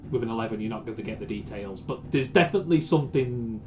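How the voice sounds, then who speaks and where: A man runs a tabletop game session as its game master. He narrates in a loose, meandering way and often stops to hunt for the next word. His voice sits at an ordinary pitch for a man. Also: expressive, fast, music in the background. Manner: meandering, searches for words often.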